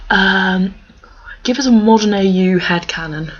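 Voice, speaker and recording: A young woman chatting casually as a fan answering questions, gushing and emphatic, with halting digressions. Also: mid-range voice. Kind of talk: casual chat to camera. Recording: dull lo-fi microphone.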